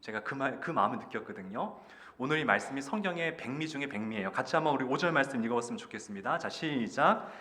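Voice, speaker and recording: A man's voice: medium pitch, expressive, quick pace, sharp tone. A man preaching a sermon as a pastor, dramatically voicing pleading prayers and reading scripture aloud.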